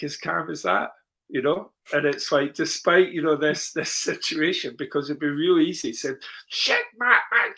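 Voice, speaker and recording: A middle-aged man, a guest on a talk show, telling stories in a loose conversational way. His voice leaps up when he gets excited. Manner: animated, jumps in pitch when excited, calm quoted asides. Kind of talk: conversational storytelling.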